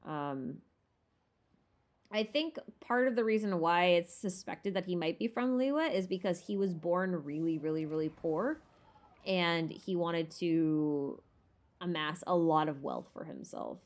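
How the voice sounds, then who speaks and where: A woman with a lowish voice hosts a livestream at a measured pace, with background music playing. In a relaxed, informal way, she thinks aloud and rambles about a game's lore.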